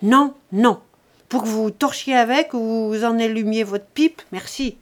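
A woman's voice: a little high, animated, normal speed, a little mellow, natural voice. A woman doing a sneering peasant son. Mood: scornful. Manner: sneering and taunting. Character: mocking, sly grown peasant son.

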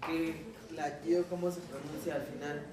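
A man student with a Mexican Spanish accent asks tentative questions from the back of a classroom. His voice comes from far off, with room echo and clear background noise. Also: a little high, level tone, moderate pace. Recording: distant, echoey classroom with noise.

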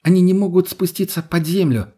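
A man's voice: sits high, a little fast, mellow, breathy edge, voice pushed up. A man voicing an earnest, anxious young woman in an audiobook, speaking urgently in a raised voice.

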